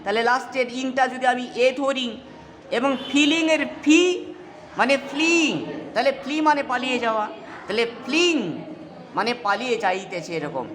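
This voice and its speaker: Lady teacher going over a poem, kinda high voice, lots of hall echo and noise behind, keeps asking if it's clear. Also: animated, normal speed, a crowd in the background. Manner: checks in with rhetorical questions. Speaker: English literature teacher. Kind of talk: explaining a poem in a lesson. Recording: long hall reverb, clear background noise.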